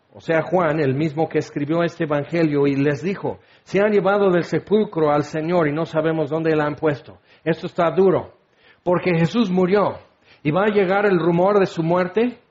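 A man preaching a sermon in an expressive, conversational way; dull lo-fi recording. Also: fairly high pitch. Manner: expressive, conversational, acts out quotes.

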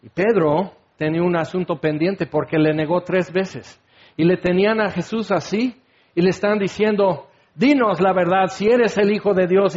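A man preaching a sermon in an expressive, conversational way; dull lo-fi recording. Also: sits high. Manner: expressive, conversational, acts out quotes.

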